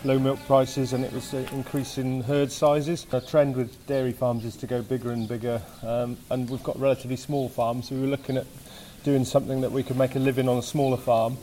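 Flat-voiced farmer, hesitant, mellow. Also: male voice, medium pitch, a little fast, few pauses, slight background noise. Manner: plain, hesitant with fillers. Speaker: goat farmer. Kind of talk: interview answers.

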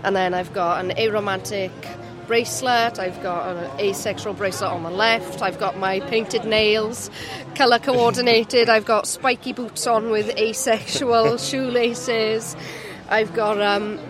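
A woman in her twenties with a South Wales Valleys accent talks in a casual interview. Her pitch is average, and music plays clearly behind her outdoors. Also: fairly even intonation, a little slow. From Merthyr Tydfil, south Wales. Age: 20s. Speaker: Pride attendee being interviewed. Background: music at an outdoor event.

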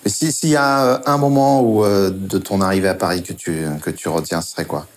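A man's voice: low-pitched, steady tone, a little fast. A man interviewing a guest, offering short prompts and reactions. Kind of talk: interview questions.

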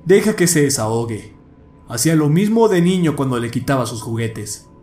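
A man's voice: medium pitch, animated, moderate pace, mellow, reverberant, faint music behind, close to an everyday voice. A man voicing a cruel, sneering middle-aged sheriff in a horror story reading, speaking in a cold, contemptuous manner.

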